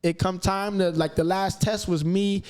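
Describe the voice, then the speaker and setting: Guy with a high voice on a podcast, super animated storytelling, cusses a lot. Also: moderate pace, smooth, faint music behind. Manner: animated, emphatic, swears freely. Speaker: podcast guest. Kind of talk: casual storytelling chat.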